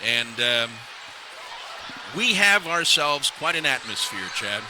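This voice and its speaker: A man's voice: mid-range voice, very animated, slow pace. A man opening a college basketball broadcast as play-by-play announcer, in an easygoing, chatty manner. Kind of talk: sports broadcast intro. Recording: noisy arena ambience.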